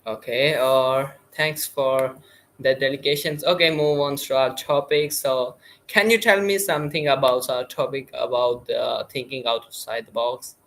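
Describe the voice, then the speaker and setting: A man's voice: medium pitch, steady tone, unhurried, fairly bright tone. A man chatting with an AI, giving short, hesitant answers. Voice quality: brief, hesitant replies. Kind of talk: casual chat.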